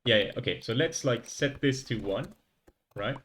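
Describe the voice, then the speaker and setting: On a casual livestream, a young French streamer with a light accent codes while thinking aloud and chatting to viewers. His mid-range voice sounds animated and a bit bright, at a moderate pace.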